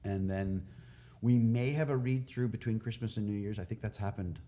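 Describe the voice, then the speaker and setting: A middle-aged man chats casually on a podcast in a lowish voice, spinning loose, rambling stories that drift and restart. He chuckles at his own asides. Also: normal speed, mellow. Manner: rambling anecdotal storytelling, trailing off and chuckling. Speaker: podcast guest, community theatre director and actor.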